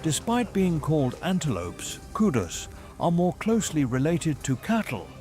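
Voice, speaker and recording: Male nature documentary narrator, fairly high voice, lively intonation, measured formal storytelling, music underneath. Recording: music behind the voice. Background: background music.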